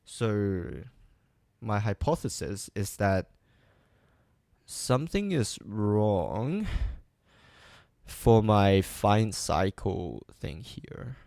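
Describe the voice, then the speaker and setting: Slow, gravelly man thinking aloud. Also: fairly low pitch, very animated, darkish tone, dry recording, studio quality. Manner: hesitant, full of ums and restarts, self-deprecating. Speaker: coding streamer. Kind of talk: thinking aloud while live coding.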